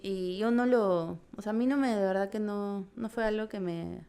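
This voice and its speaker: A woman with a Peruvian accent chats as an interview guest. Her voice is smooth and clear. She rambles, keeps adding little tag questions and often starts her sentences again. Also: medium pitch, moderate pace, mellow. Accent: Peruvian Spanish. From Peru. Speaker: documentary filmmaker guest. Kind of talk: casual interview chat.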